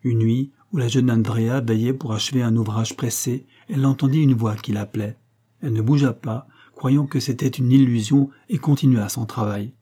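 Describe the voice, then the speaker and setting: Husky man reading a story solemnly. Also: mid-range voice, fairly even intonation, normal speed, mellow. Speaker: audiobook reader. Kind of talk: scripted narration of a 19th-century novel.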